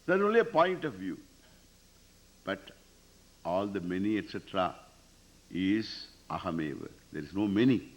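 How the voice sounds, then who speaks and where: Male scripture teacher, Indian accent. Emphatic, highly animated delivery that repeats key phrases and questions the listeners. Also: normal speed, long pauses. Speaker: spiritual teacher. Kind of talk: Vedanta scripture discourse with Sanskrit recitation.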